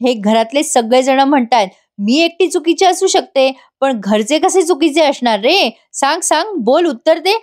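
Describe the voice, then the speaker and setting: A woman voicing an angry pregnant young wife who scolds her husband with rapid complaints. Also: sits high, animated, darkish tone. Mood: angry complaining.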